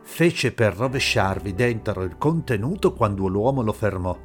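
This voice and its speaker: Low-voiced man reading a story. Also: expressive, normal speed. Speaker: narrator. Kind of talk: audiobook narration. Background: faint background music.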